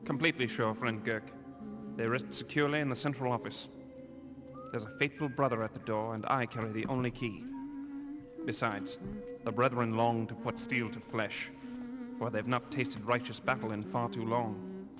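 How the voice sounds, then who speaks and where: An actor playing a solemn, zealous male priest of a militant order in a video game, speaking in a formal, pious, measured way. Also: mid-range voice, fairly even intonation, long reverb tail, over music, natural voice.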